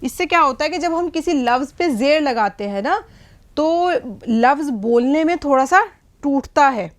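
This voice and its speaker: High-voiced woman teaching a patient lesson. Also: expressive, moderate pace. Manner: patient explaining, frequent checks like "hai na?" and "theek hai". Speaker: Urdu teacher. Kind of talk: whiteboard language lesson.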